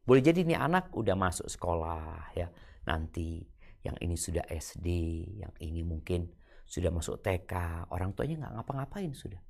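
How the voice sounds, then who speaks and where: A man preaching and answering questions from listeners, shifting between hushed asides and raised, emphatic points. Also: sits low, gravelly, husky. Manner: swings between soft murmurs and raised emphatic lines. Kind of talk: sermon Q&A.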